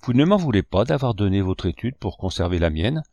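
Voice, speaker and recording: A man reading the lines of a kindly, grave painter who is an uncle, in a gentle, fatherly manner. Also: fairly low pitch, sing-song, brisk, dry recording, studio quality.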